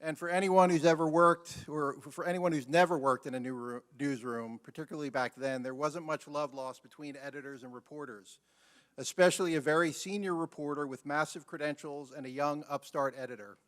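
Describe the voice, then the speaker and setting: A man, a newspaper editor, giving a measured and formal eulogy at a memorial service, with a dry joke. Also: a little high, fairly even intonation, a bit bright. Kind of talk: memorial speech.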